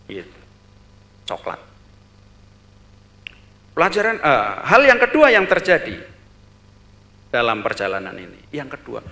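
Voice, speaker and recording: Bright-voiced man telling a story. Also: mid-range voice, creaky. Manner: animated storyteller, voice swelling loud then dropping soft; repeats words and tags phrases with "gitu". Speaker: seminar speaker. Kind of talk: storytelling lecture at a business seminar.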